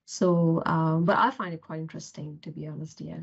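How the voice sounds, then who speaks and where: A woman's voice: sits low, fairly even intonation, fairly quick, creaky, breathy edge. Woman, earnest guest. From Pakistan. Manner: earnest, reflective storytelling. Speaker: podcast guest, cloud architect. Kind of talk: conversational podcast interview. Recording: dull lo-fi podcast audio.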